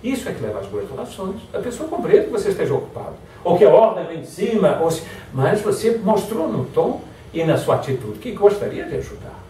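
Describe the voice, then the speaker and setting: Here a man with a high voice talks a little fast, with slight background noise, during a motivational lecture. He keeps it lively by performing example phrases in a mix of tones, and the audio echoes as though recorded from deep in a hall.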